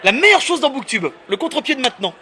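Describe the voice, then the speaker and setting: A man hosting a book channel, firing off quick playful interview questions with a joking manner. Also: extremely high pitch, big pitch swings, pushed and bright, slight background noise.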